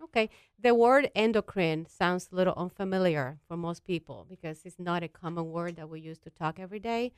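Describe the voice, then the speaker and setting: Smooth-voiced Dominican-born woman doctor. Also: fairly low pitch, brisk, hardly any pauses, no echo. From Dominican Republic. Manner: patient, explains plainly step by step. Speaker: endocrinologist guest. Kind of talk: explanatory talk-show interview.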